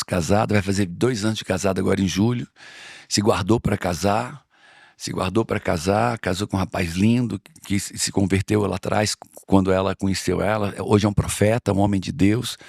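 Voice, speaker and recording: A man's voice: fairly low pitch, vocal fry, a little mellow, no room sound, studio quality. A middle-aged man from Brazil in a conversational interview, speaking earnestly and repeating phrases for emphasis. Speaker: interview guest.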